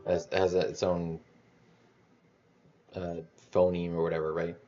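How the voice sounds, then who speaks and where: A man rambling in a casual monologue about music theory, halting and restarting as he thinks aloud. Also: deep voice, little pitch movement, mellow, highs cut off. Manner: musing, halting, many restarts and swearing.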